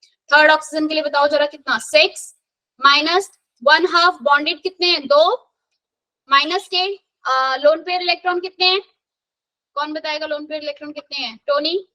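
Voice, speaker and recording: Brief: high-pitched woman, brisk classroom chemistry teacher, quizzing and counting aloud. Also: steady tone, bright, forceful tone, low-quality recording. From India. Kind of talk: live classroom revision lesson.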